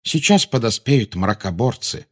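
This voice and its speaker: A man voicing Dumbledore, a calm old wizard. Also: medium pitch. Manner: soft-spoken, unhurried. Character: calm old male wizard, unshakably composed.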